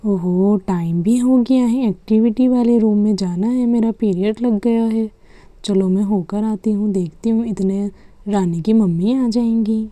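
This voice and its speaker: A woman's voice: medium pitch, a little slow, dark tone, dry recording, close to an everyday voice. A woman voicing a schoolteacher who frets about a naughty new pupil and addresses her class. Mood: complaining. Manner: teacherly, complaining. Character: strict schoolteacher madam, worried.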